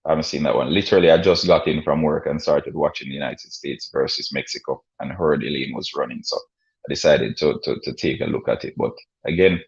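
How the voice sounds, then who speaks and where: A man hosting a casual live sports stream, chatting and commentating in a halting way, often repeating words and phrases. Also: extremely low pitch, gravelly. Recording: dull, muffled lo-fi stream audio.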